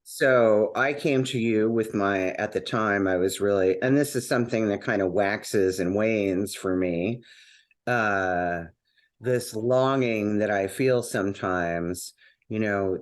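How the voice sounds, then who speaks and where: Low-voiced man hosting, rambling and hesitant. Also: takes it slowly. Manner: rambling, hesitant with many fillers and restarts. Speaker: podcast host. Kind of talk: casual conversational interview.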